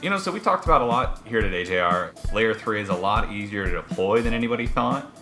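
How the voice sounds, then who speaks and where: Deep-voiced guest man, quick talker. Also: animated, music in the background, low-quality recording. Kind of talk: casual cooking show chat. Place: home kitchen.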